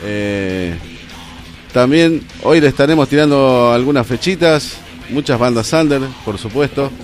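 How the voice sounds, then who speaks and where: A man with a Rioplatense Spanish accent hosts a relaxed radio talk show from a studio. His voice sits at an ordinary middle pitch, and he strings his announcements together with easy fillers. Faint music plays underneath. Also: unhurried. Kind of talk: casual radio chat.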